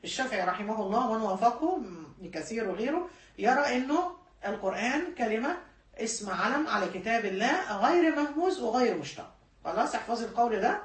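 A woman's voice: fairly high pitch, animated, fast, echoey room, far from the mic. A woman with an Egyptian Arabic accent, teaching a classroom lesson and explaining patiently, repeating key points and correcting herself mid-word. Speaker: religious studies teacher. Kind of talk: classroom lecture.

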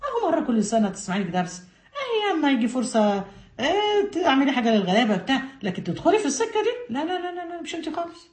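A woman's voice: high voice, very animated, fast talker, a little mellow, voice pushed up. A woman with an Egyptian accent voicing a sly, coaxing tempter who talks a listener out of her resolve. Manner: coaxing, discouraging. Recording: roomy echo.

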